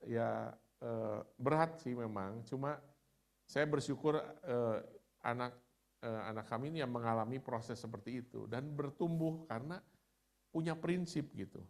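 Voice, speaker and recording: A man's voice: medium pitch, unhurried, gravelly. A middle-aged man from Indonesia giving a conversational sermon with chatty personal stories. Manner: storytelling, chatty, laughs at himself.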